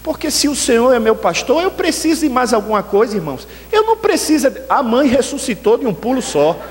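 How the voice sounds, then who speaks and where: A man with a Brazilian accent preaching a sermon and telling a story in a lively way, often calling the listeners brethren. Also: very high-pitched, fairly quick, big-room sound. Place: church sanctuary.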